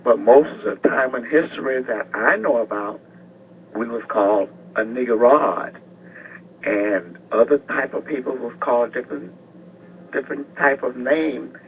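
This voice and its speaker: A man calling into a talk radio show over a phone line, rambling and halting with many restarts. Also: medium pitch. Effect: call-in voice heard over the phone line on air. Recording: distant phone-in line with faint hiss.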